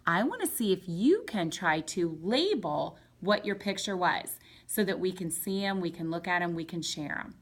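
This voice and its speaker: A woman teacher giving a home lesson to young children. She reads aloud slowly in a sing-song way and gives bright, encouraging step-by-step directions. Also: fairly low pitch. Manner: slow, sing-song read-aloud with drawn-out words.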